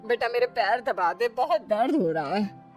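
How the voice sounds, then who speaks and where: A bossy, crafty old mother-in-law from a family cartoon, acted out by a woman. Her fairly high voice swings widely as she issues colloquial commands, with music playing behind her. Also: animated, moderate pace, lightly acted. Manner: commanding, colloquial, calls out loudly. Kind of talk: animated Hindi family story dialogue. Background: background music.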